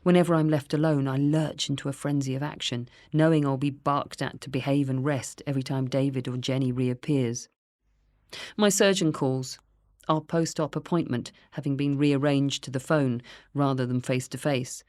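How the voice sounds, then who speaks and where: A woman with a low, deep-set voice reads her own memoir aloud in a quiet, earnest, reflective way. The recording is close and dry, with no room sound. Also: steady tone, normal speed, dry recording. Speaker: memoir narrator. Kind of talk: first-person memoir reading.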